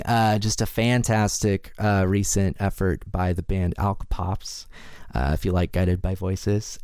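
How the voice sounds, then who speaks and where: A man's voice: on the low side, a little mellow, clear, resonant tone, no echo, studio quality. A man hosting a podcast, casually introducing things in a hesitant, rambling way full of asides. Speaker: podcast host.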